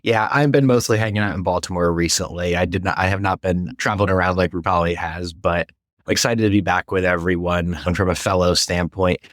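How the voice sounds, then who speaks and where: A male pulmonary fellow on a medical teaching podcast, speaking in a very deep voice. He explains clinical points in a measured way, recorded dry and close to the mic. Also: steady tone, a bit bright, no room sound.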